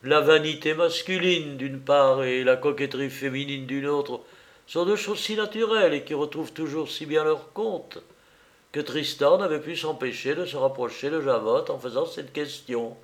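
Expressive male audiobook narrator. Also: a little high, normal speed. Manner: expressive, lively character reading.

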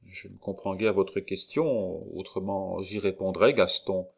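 A man reading the part of a gentle, devoted young woman, speaking softly and earnestly. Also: low-pitched, fairly even intonation, unhurried, creaky, breathy edge, heavily acted. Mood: pleading.

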